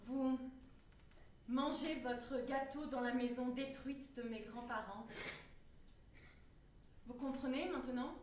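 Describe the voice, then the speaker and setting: A woman's voice: sits high, steady tone, slow pace, pauses often, slight background noise. An actress playing an insistent woman who presses her point, on stage. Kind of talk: stage acting. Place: theater stage. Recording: distant stage recording in an echoey theater.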